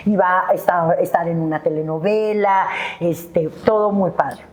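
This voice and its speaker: A middle-aged woman tells an emotional personal story as a podcast guest. Her voice sits slightly low. She breaks into high-pitched bursts whenever she acts out her own words from that day. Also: steady tone, unhurried.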